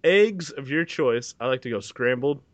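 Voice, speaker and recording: A man's voice: mid-range voice, expressive, normal speed, no echo. A man in his thirties co-hosting a casual podcast, joking and laughing as he tells stories. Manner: jokey, laughs often. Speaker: podcast co-host. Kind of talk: casual chat.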